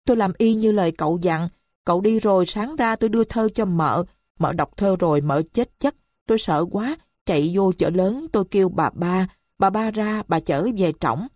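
A woman's voice: mid-range voice, normal speed, darkish tone, no echo, studio quality, close to an everyday voice. A woman voicing a timid, dutiful young male servant speaking deferentially.

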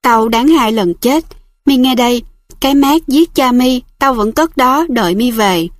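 Picture a stern, grieving older village man who speaks in blunt commands and whose pitch sits a little high, as a woman reader puts him on. The reading comes across plainly, close and dry in an audiobook style. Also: unhurried, no room sound, natural voice.

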